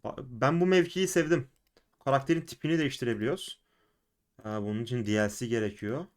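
A young man with a Turkish accent giving casual commentary as he plays an online game, shouting in fights and muttering between them. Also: mid-range voice, fast talker. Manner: excitable, shouts and laughs during fights, mutters to himself between. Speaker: gaming YouTuber.

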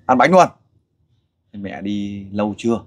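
A Vietnamese man hosts a casual interview for a volunteer group, his voice on the low side and his pace measured. He coaxes the child along in an animated way.

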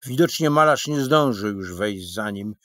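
A man narrating an audiobook in slow, expressive storytelling. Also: on the low side, no echo, clean studio sound. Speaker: audiobook reader.

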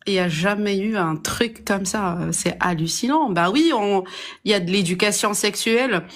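A woman's voice: medium pitch, moderate pace. A woman from Algeria calling into a live debate, talking hesitantly with many fillers and restarts but growing emphatic. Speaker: caller.

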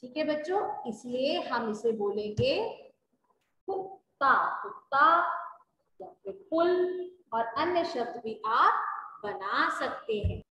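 Woman schoolteacher, slow and high, patient explainer for kids; very echoey room, faint hiss. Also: lively intonation, a bit bright, far from the mic. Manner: stretches vowels and repeats example words; asks the children if they understood. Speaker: primary school teacher. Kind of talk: slow explanatory lesson for young children. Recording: echoey classroom with faint background noise.

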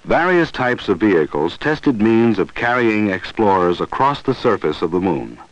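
A man reading scripted narration for a 1960s educational film in a formal, deliberate manner. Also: fairly low pitch, sing-song, no room sound. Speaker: documentary narrator. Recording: dull vintage film soundtrack, dry.

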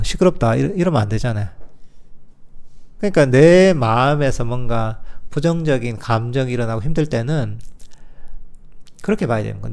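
A man, a Buddhist monk giving a dharma talk. He talks plainly, asks rhetorical questions, and turns gentle and soothing at times. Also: mid-range voice, gravelly. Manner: gentle, soothing when voicing self-compassion.

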